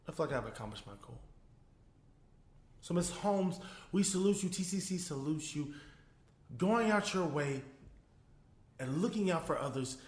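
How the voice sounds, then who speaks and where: A man's voice: a little high, reverberant. A man hosting a casual comedic commentary show, laughing often as he mocks what he talks about. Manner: laughing, animated, mocking. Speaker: podcast host.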